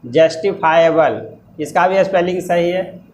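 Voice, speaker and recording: A man teaching an exam-prep lesson, explaining words slowly and spelling them out letter by letter, with loose, repetitive phrasing. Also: a little high, a little mellow, echoey room, slight background noise, poor audio.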